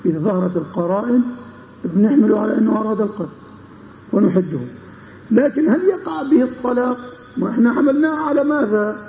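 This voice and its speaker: Gravelly-voiced lecturer in an echoey room. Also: male voice, high-pitched, quick pace, a little hiss or hum. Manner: explains with repeated checking questions to students. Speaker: Islamic scholar teaching a text. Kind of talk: classroom lecture on a legal text. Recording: dull lo-fi recording in an echoey room.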